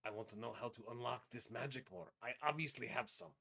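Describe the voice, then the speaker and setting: A man's voice: mid-range voice, a little fast, vocal fry, sharp tone. A man voicing a terse half-giant male wizard who answers bluntly and guardedly. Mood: gruff.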